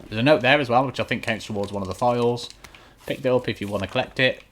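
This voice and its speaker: A fast-talking man with a medium pitch and fairly bright tone narrates a video game walkthrough casually and matter-of-factly, explaining and reassuring along the way. The home recording is clearly noisy.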